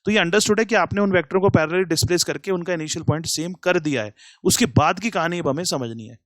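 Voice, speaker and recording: A man's voice: sits high, quick pace, fairly bright tone, no echo. Man teaching, step by step, close dry sound. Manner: explains step by step, asks himself questions and answers them. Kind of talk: classroom lecture.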